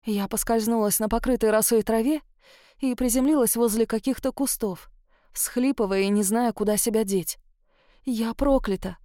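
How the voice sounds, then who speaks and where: Woman reading a novel aloud, first person, fairly high voice, super dry close sound. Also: fairly even intonation, normal speed, dark tone, dry recording. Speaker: audiobook narrator. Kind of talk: first-person audiobook narration.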